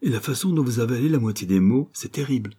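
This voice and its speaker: A man's voice: medium pitch, lively intonation, fast talker, dark tone, breathy edge. A man reading an audiobook, voicing a refined, earnest young woman who patiently corrects someone's speech. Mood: correcting.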